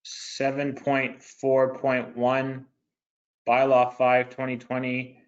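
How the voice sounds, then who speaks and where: A man chairing a municipal council meeting in a flat, monotone way, reading items and calling votes. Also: medium pitch, slow pace, muffled recording. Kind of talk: formal meeting procedure.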